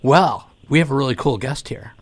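A man hosting a casual interview, joking and teasing with quick questions. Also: medium pitch. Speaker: host.

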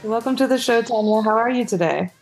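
An American woman hosts a casual podcast interview, her voice carrying a gravelly fry. She talks in a chatty, encouraging way, keeping the conversation easy. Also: on the high side, soft background music. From United States. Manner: chatty, encouraging, quick laughs. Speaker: podcast host. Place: living in Paris.

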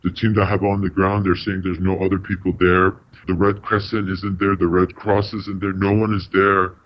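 A ministry worker, a man whose voice has been disguised and pitched down, speaks earnestly and plainly in an interview clip. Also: level tone, normal speed. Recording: dull lo-fi, muffled.

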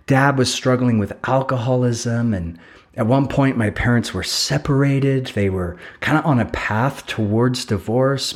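Earnest man preaching in repeated phrases. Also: medium pitch. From England. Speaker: pastor. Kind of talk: sermon.

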